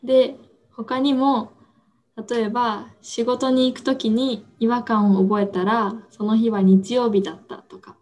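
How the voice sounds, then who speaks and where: Higher-pitched woman explaining words gently. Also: steady tone. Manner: gentle, explains slowly with examples. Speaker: podcast co-host. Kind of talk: casual chat explaining Japanese words. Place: at home.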